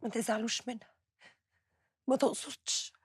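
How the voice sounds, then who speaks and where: An actress playing a hot-tempered young woman with an Egyptian accent, who snaps back fast in a family quarrel scene. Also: fairly high pitch, fairly even intonation, close to an everyday voice. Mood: soothing. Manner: sharp, fast, rising to shouts.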